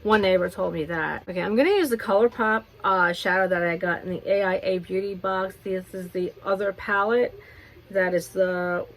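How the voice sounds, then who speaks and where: A woman beauty vlogger telling a rambling, animated story while doing her makeup. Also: medium pitch, moderate pace, poor audio. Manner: rambling, animated retelling with restarts. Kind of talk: chatty get-ready-with-me storytime.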